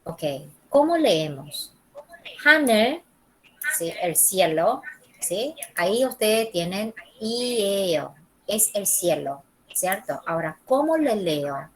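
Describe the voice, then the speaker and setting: Slow-paced woman teaching a language lesson. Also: medium pitch, sing-song, a little mellow, a little hiss or hum, poor audio. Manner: checks understanding with frequent ¿sí? and ¿ok?; models pronunciations slowly and repeats them. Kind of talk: classroom lesson.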